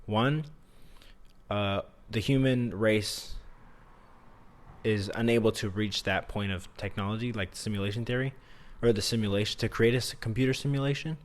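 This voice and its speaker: Young male co-host, lowish voice, loose slangy delivery with casual swearing. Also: moderate pace. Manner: slangy, swears freely, says dude and like. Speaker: podcast co-host. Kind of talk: casual chat.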